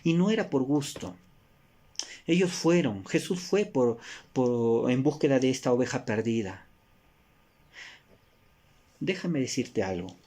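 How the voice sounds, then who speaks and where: A Peruvian man preaches in a slow, unhurried voice. He keeps asking the listeners rhetorical questions. His delivery swings from emphatic rises down to quiet, soft endings. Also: medium pitch, lively intonation. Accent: Peruvian Spanish. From Peru. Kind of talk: sermon.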